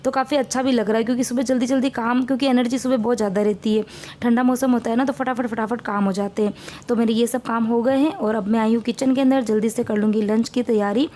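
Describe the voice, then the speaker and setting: Woman in her 30s, home vlogger, mellow, slightly high, talkative. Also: steady tone, fast talker, slight background noise. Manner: chatty, rambling, homely cooking talk. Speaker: family vlogger. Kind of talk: casual vlog narration.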